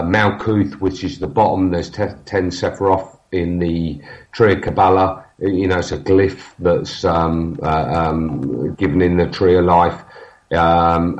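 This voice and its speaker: A deep-voiced man with a cold chats casually on a podcast, halting through lots of fillers and restarts and losing his train of thought. The recording sounds dull and lo-fi.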